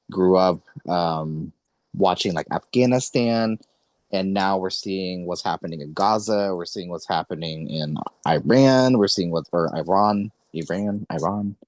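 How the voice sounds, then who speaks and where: A man's voice: deep voice, a little slow, a little mellow, no echo. A man in his late twenties hosting a podcast, talking in an earnest, rambling way and correcting himself often. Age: 20s. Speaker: podcast host. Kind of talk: casual podcast conversation.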